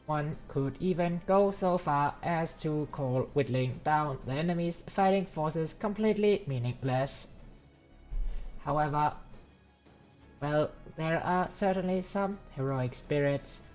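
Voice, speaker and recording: A woman's voice: low voice, a little mellow, faint music behind. A woman reading a stern orating commander. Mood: solemn resolve. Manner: formal, measured oratory. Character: stern, eloquent heroic commander giving a rousing speech.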